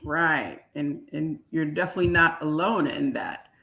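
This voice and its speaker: A woman's voice: low-pitched, normal speed, creaky, pushed and bright. A woman from Haiti hosting a live video chat as a wealth coach, talking in an upbeat, emphatic way.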